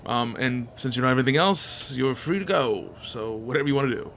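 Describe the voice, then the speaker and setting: A man runs a tabletop game, narrating scenes off the cuff. His voice is of average pitch and casual, with clear noise behind it. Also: lively intonation, fairly quick, a bit bright. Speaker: game master.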